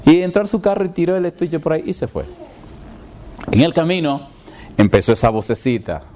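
A man's voice: on the high side, sing-song, fairly quick, dark tone, slight background noise. A male preacher telling stories in a sermon and firing rhetorical questions at his congregation.

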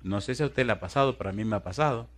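A middle-aged man from the Dominican Republic, a preacher with a Dominican accent, telling a story in a sermon. He acts out the dialogue and drops to a hushed voice when he prays. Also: fairly low pitch, rapid-fire. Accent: Dominican Spanish. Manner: animated storytelling, acting out dialogue, laughing often; drops to soft, hushed prayer voice.

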